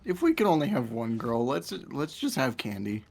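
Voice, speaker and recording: Gravelly young man commenting on a game. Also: medium pitch, sing-song, normal speed, darkish tone, faint music behind. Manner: chatty, laughing, frequent restarts. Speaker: gaming channel co-host. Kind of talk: casual gameplay commentary.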